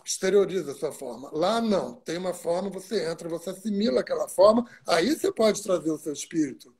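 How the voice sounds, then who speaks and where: Husky Brazilian man, rambling stage recollections. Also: high-pitched, expressive, a little fast, a little mellow. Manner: digressive, explains at length with asides. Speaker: guest stage actor. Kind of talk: reflective interview storytelling. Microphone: video call.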